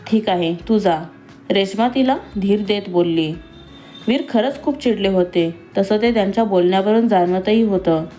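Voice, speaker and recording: A woman narrating a romantic serial story in a calm, even storytelling manner, with faint music behind. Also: mid-range voice, moderate pace.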